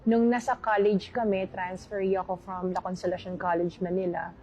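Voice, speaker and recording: A woman's voice: on the low side, little pitch movement, moderate pace, a little mellow, a little hiss or hum. Polite chatty woman guest, dull sound. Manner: polite, chatty, mixes in English. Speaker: interview guest. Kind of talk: casual interview answers.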